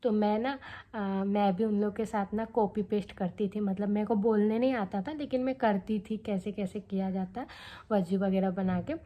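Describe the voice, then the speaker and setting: A woman's voice: medium pitch, fairly even intonation, moderate pace, lo-fi sound. A young adult woman vlogging casually to the camera, chatty and candid, often checking in with her viewers as she talks. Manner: chatty, candid, tags lines with "theek hai" and "hai na".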